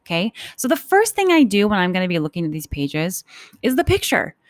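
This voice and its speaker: With big pitch swings and a brisk pace, a medium-pitched woman teacher reads to children, explaining the story casually and acting out thoughts. The recording is dry, with clean studio sound.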